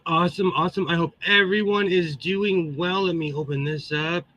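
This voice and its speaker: Bright, chatty man with tinny metallic sound. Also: on the high side, moderate pace, dry recording. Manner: chatty, exclamatory, greets viewers. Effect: tinny, metallic tin-can microphone sound. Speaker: livestream host, sewing hobbyist. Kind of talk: casual livestream chat.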